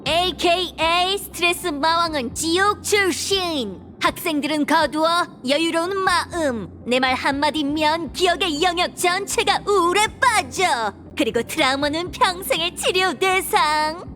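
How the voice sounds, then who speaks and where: A woman playing an arrogant young demon lord in a video game, making theatrical dark-lord taunts. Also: very high-pitched, unhurried, few pauses, faint music behind, exaggerated voice. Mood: haughty. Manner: boastful, theatrical dark-lord villain proclamations.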